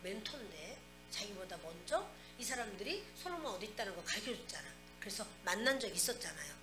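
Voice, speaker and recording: A woman pastor preaching a sermon, speaking directly to her congregation with lively asides. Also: medium pitch, quick pace. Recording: echoey church hall with music behind.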